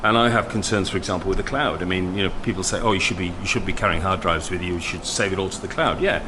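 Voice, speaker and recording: A male interviewer with a lowish voice chats with a panel at a quick clip, winding through his questions and tagging them with asides. The recording carries a clear layer of background noise. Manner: chatty, rambling, with frequent "okay?" and "you know".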